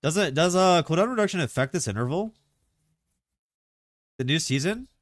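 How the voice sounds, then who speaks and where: A man streaming live, chatting casually and excitably about game mechanics, rambling with lots of filler words. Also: a little high, moderate pace, no room sound, studio quality.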